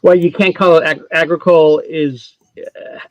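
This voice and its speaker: A man's voice: fairly high pitch, little pitch movement, normal speed, highs cut off. A man from Canada, a brand ambassador explaining spirits in a casual online tasting chat, rambling and correcting himself as he goes.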